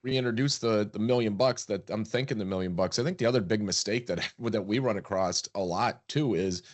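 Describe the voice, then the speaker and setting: A man's voice: fairly low pitch, fairly quick. A man co-hosting a business podcast, talking emphatically and often repeating words as he builds a point. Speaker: podcast co-host, practice transition advisor. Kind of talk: casual podcast chat.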